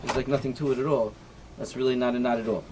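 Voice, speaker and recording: A rabbi talks a small class through an informal lesson, showing knots with his hands as he explains each step. He keeps checking in with "right?" and drops Hebrew and Yiddish terms into his English. There is a faint hiss behind his middle-pitched voice. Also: fairly even intonation, fast talker. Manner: demonstrates knots with his hands while talking. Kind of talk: informal halacha lesson with demonstration.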